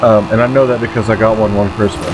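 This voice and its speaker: A man in his late twenties, co-hosting a casual gameplay chat in a relaxed, laid-back way. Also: on the low side, fast talker, noisy background. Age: 20s. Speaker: gaming channel co-host.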